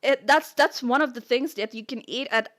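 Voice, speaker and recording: A woman's voice: high voice, moderate pace, a bit bright. A woman streamer chatting casually and reading aloud, laughing often and mocking herself.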